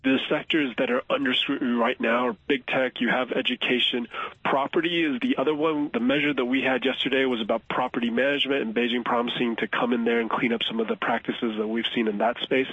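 A man's voice: medium pitch, steady tone, fast talker, husky, dry recording. A man giving an explanatory spoken report as a foreign news reporter. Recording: phone-like narrow radio line.

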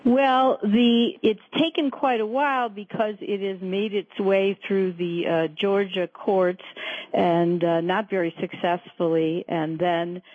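Halting woman on a phone line. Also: on the low side, no room sound. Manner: halting, hesitant, many long ums. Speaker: law professor and jury expert. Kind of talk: radio interview answers. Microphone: telephone. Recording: narrow, tinny phone line.

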